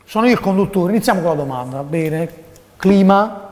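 A man's voice: sits high, animated, racing. A man hosting a football quiz in a showy, teasing, theatrical game show manner. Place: TV studio. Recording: reverberant studio, loud music behind.

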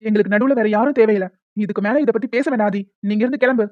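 Woman doing a tender fast-talking young dad. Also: medium pitch, no echo, phone-quality sound, close to an everyday voice. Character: loving young father, stubborn widower. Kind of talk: cartoon voice acting.

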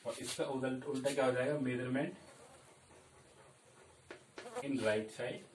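This young man's chalkboard lesson comes in a steady, medium-pitched voice at a moderate pace, broken up by check-ins of "okay, kids" as he goes step by step. The camera sits back from the board, so the classroom sounds echoey, his voice is distant and a bit off-mic, and a little hiss or hum runs underneath.

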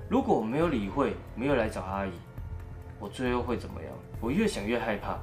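A man narrating a first-person ghost story and acting out every quoted voice. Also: mid-range voice. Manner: animated, acts out every quoted voice.

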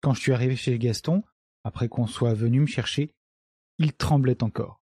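A male narrator voicing an old village man recalling a past death in a slow, grave way. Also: mid-range voice, warm tone, husky, no room sound, lightly acted. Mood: reminiscing. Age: older. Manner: slow, reminiscing storyteller.

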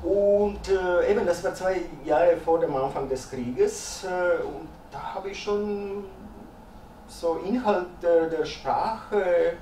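A Croatian man in his fifties lectures in German as a second language, his voice high-pitched, slow and mellow, and he hesitates often with "äh." He's a guest speaker in a dim salon with a projector and a small audience, recorded by a far room camera, so the audio is echoey, distant and faintly noisy.

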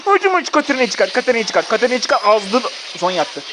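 A gamer giving a running commentary on their own mobile match, swearing freely, cheering and scolding teammates in bursts of excitement. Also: mid-range voice, fast, noisy background. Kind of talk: gameplay commentary.

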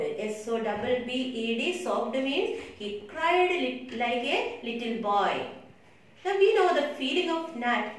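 A woman teacher with an Indian English accent, talking slowly and patiently through a story. She spells out new words and repeats them. Her fairly high voice comes from some distance in a very echoey room with a faint hiss. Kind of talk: recorded lesson, explaining a story line by line.

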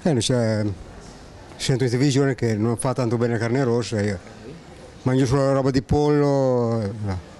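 A middle-aged man answering a street interviewer in a halting, plain-spoken way, outdoors into a handheld mic. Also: mid-range voice, mellow, a little hiss or hum. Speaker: passer-by. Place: outdoors on a street with parked cars. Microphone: handheld mic held by interviewer.

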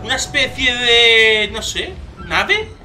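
Young man, Spain Spanish accent, let's play commentary, very high bright voice, lively, faint noise behind. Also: slow. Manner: excitable, swears and shouts when startled. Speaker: gaming youtuber.

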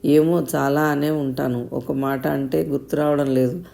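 A woman voicing an affectionate, anxious middle-aged mother in a read-aloud story, talking in a fond, fussing way with a creaky, even voice. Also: deep voice, unhurried. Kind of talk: storybook narration.

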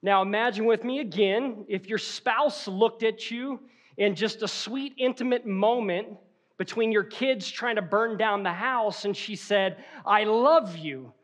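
In a church sanctuary, a pastor with a high, unhurried voice preaches a sermon built on vivid stories. He acts out scenes, giving voices to the lines he quotes.

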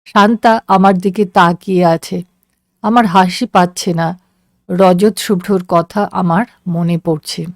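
A woman narrating a story in a slow, measured, soft voice. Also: lowish voice, fairly even intonation, no echo, clean studio sound. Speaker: story reader.

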